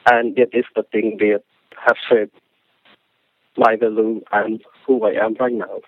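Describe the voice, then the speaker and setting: A man's voice: on the low side, little pitch movement, husky, no echo. Cambodian-accented man on a phone line. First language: Khmer. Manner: earnest, halting with restarts and non-native grammar. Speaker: author, guest. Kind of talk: interview answer. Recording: phone-line dry sound.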